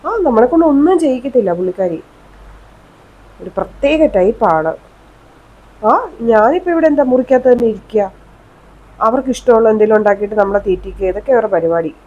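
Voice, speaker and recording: A woman playing a sulky young daughter-in-law who grumbles and gossips in a slow, drawn-out way. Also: on the high side, animated, mellow, dull audio. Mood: grumbling.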